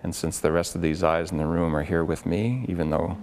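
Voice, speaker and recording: A man working as a therapist in a live demonstration before a group, coaching a client with quick probing questions and repeated words. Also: sits low, fairly even intonation, a little mellow. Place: room with an onlooking group.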